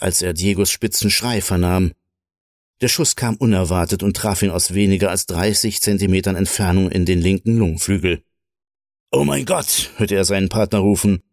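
A man calmly reading a dramatic short story aloud as narrator. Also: lowish voice, no echo, studio quality.

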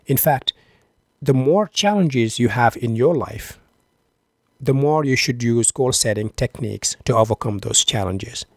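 A man hosting a podcast, giving a scripted motivational talk with deliberate phrasing and rhetorical questions. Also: mid-range voice, gravelly, no echo, studio quality. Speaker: podcast host.

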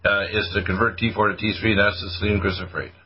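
A man's voice: on the low side, fairly even intonation, rapid-fire, lo-fi sound, slight background noise. A man hosting a show and giving supplement advice, hesitant, full of fillers and restarts. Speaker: show host recommending supplements. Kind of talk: casual on-air advice.

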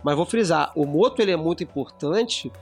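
A man's voice: a little high, expressive, fairly quick, a little mellow, slightly rough, faint music behind. A man co-hosting a casual podcast discussion, explaining at length with frequent restarts. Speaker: podcast co-host.

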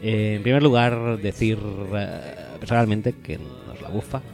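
A man's voice: on the low side, measured pace, creaky, a little mellow, faint music behind. A man co-hosting a podcast, joking, swearing freely and mocking listener comments. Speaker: podcast co-host. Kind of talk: casual podcast banter.

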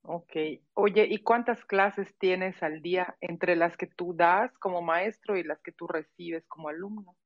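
A woman from Mexico with a Mexican accent, hosting an interview and asking questions in a friendly, curious way, slowly and clearly for learners. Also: lowish voice, highs cut off. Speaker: interviewer, host. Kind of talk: slow conversational interview for learners.

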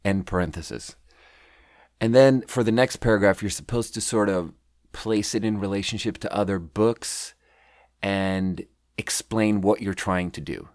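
Low-voiced rambling man from Sweden. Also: measured pace, a little mellow. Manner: rambling, self-deprecating, reads aloud from his own writing. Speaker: podcast host. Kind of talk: casual chat.

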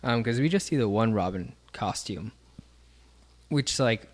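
A man's voice: on the low side, animated, measured pace. A man co-hosting a podcast in casual chat, rambling with many fillers and restarts. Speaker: podcast co-host.

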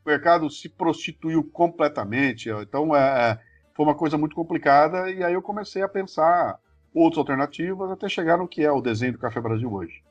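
A middle-aged Brazilian man talks quickly and animatedly in a casual interview, full of slang and quick bursts of speech. His voice sits a bit high for a man, and he races through his stories. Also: highs cut off, faint music behind. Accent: Brazilian Portuguese. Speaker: podcast creator and guest.

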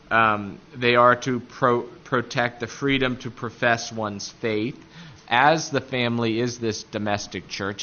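A man with an Appalachian accent giving a religious lecture point by point, haltingly searching for words. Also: on the low side, pushed and bright, dull audio. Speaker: catechism teacher.

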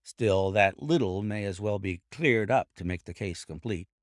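A man reading aloud and voicing a calm, stern, commanding male detective in a cool, cutting, measured way. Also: lowish voice, dry recording, studio quality, natural voice. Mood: coolly accusing. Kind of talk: audiobook character voice.

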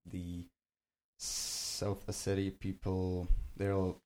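A man's voice: deep voice, monotone, takes it slowly, a little mellow. A young man, explaining things in casual second-language English as an interview guest.

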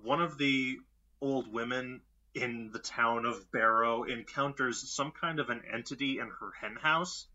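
A man co-hosting a horror film podcast in casual chat, wry and quick to laugh. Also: medium pitch, bright, forceful tone, dull audio. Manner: wry, laughs often, puts on mock voices. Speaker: podcast co-host.

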